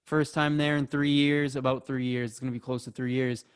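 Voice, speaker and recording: A man's voice: mid-range voice, level tone, fairly quick, smooth. A man co-hosting a sports podcast, laid-back and chatty, filling with "I mean" and "you know". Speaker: podcast co-host. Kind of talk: casual sports chat.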